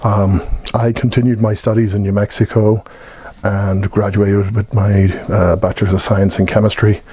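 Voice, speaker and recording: An Irish man in his fifties recalls his own life story in a low, mellow voice with a husky edge. He talks in a reflective, measured way, pausing and restarting as he thinks. The recording is close and dry. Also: flat delivery, no echo. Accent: Irish (Dublin). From Ireland (Dublin). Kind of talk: personal life-story recollection.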